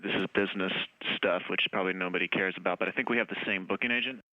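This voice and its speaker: A man in a radio interview, talking in a relaxed, wordy way with many fillers. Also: sits low, rapid-fire, no room sound. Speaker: band member, radio interview guest. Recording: dry, dull phone-line radio sound.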